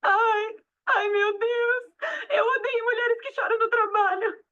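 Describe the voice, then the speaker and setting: A tearful young assistant. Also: female voice, extremely high pitch, fairly even intonation, pushed and bright, dull audio, full character voice. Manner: tearful, rushed worrying. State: crying. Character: young female assistant, overworked and anxious. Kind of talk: dubbed film dialogue.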